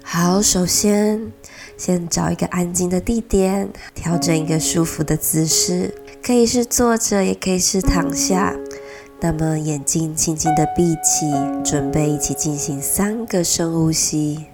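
Soft, low-voiced woman guiding meditation, stuffed-up nose. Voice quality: slightly nasal. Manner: soft, soothing, unhurried guiding with long pauses. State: has a cold. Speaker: podcast host leading a guided mindfulness meditation. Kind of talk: guided meditation. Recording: piano music behind the voice. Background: gentle piano music.

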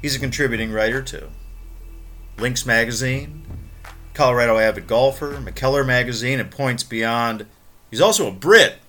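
A man's voice: fairly low pitch, pushed and bright. A man hosting a podcast monologue, talking in a playful, wordy and emphatic way. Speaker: podcast host.

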